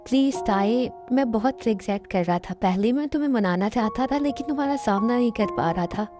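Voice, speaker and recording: A woman's voice: a little high, fairly quick, over music, lightly acted. A woman voicing a remorseful young husband who keeps pleading and apologizing in a fan-dubbed drama. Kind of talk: Hindi fan dub drama.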